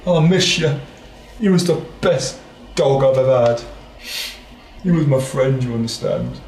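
A man's voice: medium pitch, unhurried, darkish tone, natural voice. A man voicing a maudlin, sentimental drunk man with a plaintive way of talking in a tabletop game. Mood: maudlin, grieving. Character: maudlin drunk man mourning his beloved pet poodle. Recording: roomy echo.

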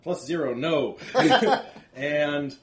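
A jovial man narrating a tabletop game casually as game master, quick to laugh. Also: on the high side, sing-song. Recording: echoey room, faint clicky noise.

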